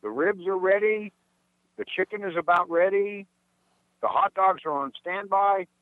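Over a tinny phone line, a man calls in cheerful and chatty before reading his poem. His voice sits high, his pace is moderate, and the recording is dry.

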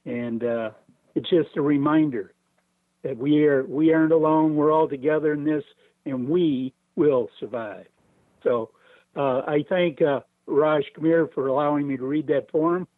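A man's voice: a little high, a little slow, dry recording. A man calling in over the phone, reading a poem and speaking in an earnest, hopeful way. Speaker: caller reading poetry. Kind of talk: slow earnest reading and chat. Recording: tinny phone line.

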